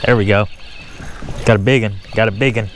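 On an open lake, a fishing vlogger in a kayak records himself outdoors on a worn camera, chatting casually and bursting into slangy exclamations. He speaks briskly in a voice on the low side with fairly even intonation, against loud water and boat noise.

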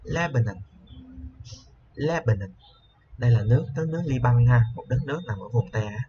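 A man explaining a beginner English lesson. He has a medium-pitched voice and a patient, repetitive way of teaching, going over each word several times. The recording is a little dull and lo-fi, with a faint hiss underneath. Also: lively intonation, dark tone. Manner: patient, repeats each word slowly, frequent "ha" tags.

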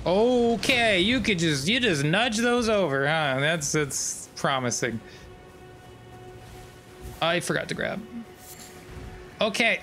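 A man's voice: fairly high pitch, fairly bright tone. A man streaming a video game, commenting casually, swearing often and bursting into sudden screams. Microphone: desk microphone.

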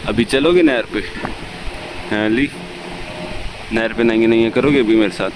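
A young man talking softly and coaxingly to a small child, voice raised higher than usual. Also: moderate pace, noisy background. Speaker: vlogger.

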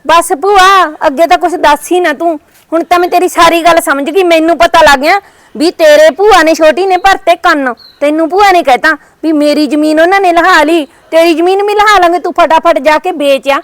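A woman plays a niece in a village family skit, coaxing and placating in a high voice with a Punjabi accent. The sound is close and dry. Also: fairly quick, no echo. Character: niece coaxing her angry aunt home.

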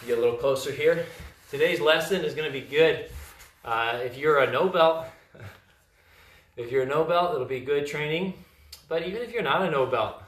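A man's voice: mid-range voice, fairly bright tone. A man teaching a martial arts class, calling out commands and counts. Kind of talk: class instruction. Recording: echoey room, mic far off.

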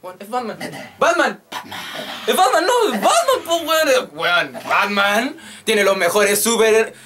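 Music plays in the background as a Chilean-accented YouTube host in his twenties talks, a little slowly, in a high voice with big pitch swings. He chats animatedly, swears freely and jokes while ranting in his casual vlog, recorded on a desk webcam in a small room with a drum kit.

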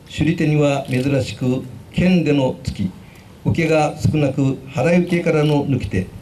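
A man with a fairly high, mellow voice reads formal explanatory narration as an announcer. The recording is outdoors, with some background noise. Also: steady tone, a little slow. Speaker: announcer explaining karate kata. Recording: noisy outdoor event recording.

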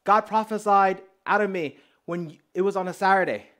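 A man preaching a sermon, telling testimony stories in a lively, conversational way and speaking straight to the congregation. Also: high voice, moderate pace. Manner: lively storyteller, acting out dialogue; conversational, addresses the congregation directly.

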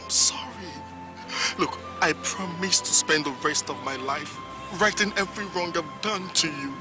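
A man's voice: a little high, normal speed, natural voice. An actor with a Nigerian accent playing a remorseful husband who begs his wife for forgiveness and stammers. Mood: pleading. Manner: pleading, stammering. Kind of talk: Nollywood film acting. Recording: film soundtrack with loud music.

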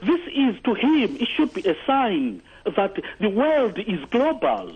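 A man calling a radio talk show from Zimbabwe pushes his argument earnestly, though he stumbles through many fillers and restarts. His voice is high and slightly rough, with huge pitch swings and a measured pace, and the phone line sounds tinny.

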